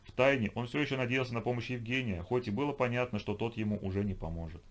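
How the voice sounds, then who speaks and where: A man narrating an audiobook in a measured, even manner. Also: mid-range voice. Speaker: audiobook reader. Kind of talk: scripted narration.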